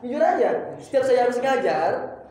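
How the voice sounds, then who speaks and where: A man's voice: extremely high pitch, very animated, moderate pace, a little mellow. A young man teaching an informal religious study circle, talking colloquially, apologizing often and repeating phrases for emphasis. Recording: very echoey room.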